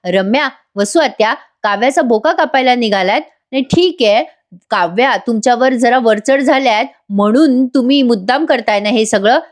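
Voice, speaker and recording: A woman's voice: on the high side, normal speed, close to an everyday voice. A woman reading as a stern, scolding young man. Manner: stern, reproachful. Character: angry young man scolding his family.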